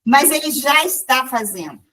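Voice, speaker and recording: A woman's voice: high-pitched, sing-song, moderate pace, bright, forceful tone, distant mic, low-quality recording. A woman sharing a spiritual testimony at a group meeting, telling it with many restarts and quoted dialogue.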